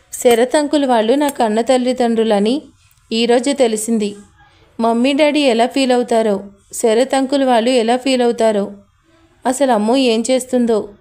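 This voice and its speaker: A woman's voice: fairly high pitch, darkish tone, natural voice. Woman reading as a troubled young man. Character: confused, worried young man.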